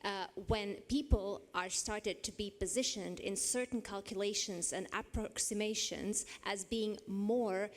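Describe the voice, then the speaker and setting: A woman from Latvia commenting from the audience in halting, hesitant phrases. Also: medium pitch, steady tone. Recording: echoey hall with long reverb.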